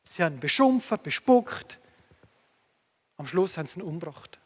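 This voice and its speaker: A man preaching a sermon earnestly, moving between emphatic lines and hushed asides, with long hall reverb. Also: a little high, very animated, moderate pace, breathy edge.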